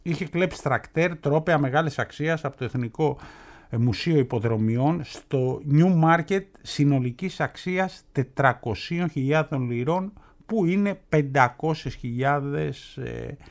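Playful man spinning a news story. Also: on the high side. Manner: playful, drawn-out storytelling with dramatic pauses. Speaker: radio show co-host. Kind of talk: casual radio banter.

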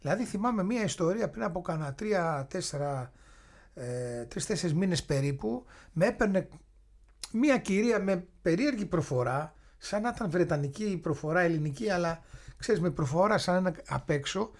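A man with a husky, slightly rough voice hosts an interview. He talks in a relaxed, chatty way and brings in anecdotes from his own experience. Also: high-pitched. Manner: chatty, tells personal stories. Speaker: interview host. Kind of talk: conversational interview.

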